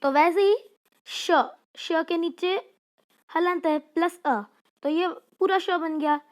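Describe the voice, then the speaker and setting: A woman leads a lesson. Her voice sits high, and her delivery is unhurried. She spells out each word with care, then talks through the steps like a patient tutor. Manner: carefully spells out words one by one, then explains in a chatty teacher's way. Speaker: Sanskrit teacher. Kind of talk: classroom lesson explaining exercises.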